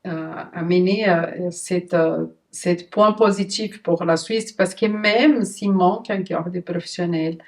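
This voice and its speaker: A woman who is a mother, hosting a conversational interview, talking in an earnest, halting way with frequent restarts. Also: lowish voice, fairly even intonation, darkish tone. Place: lives in Switzerland. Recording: voice somewhat distant from the mic.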